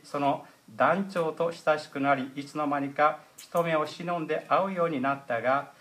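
A middle-aged man preaching a sermon as pastor, explaining in a measured way with frequent hesitation fillers. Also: fairly high pitch, a bit bright.

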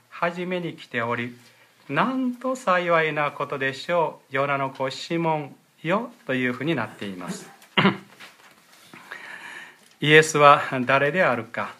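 A man giving a sermon as pastor, explaining Bible verses and their original words, often clearing his throat. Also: a little high, bright, forceful tone. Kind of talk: sermon with scripture reading.

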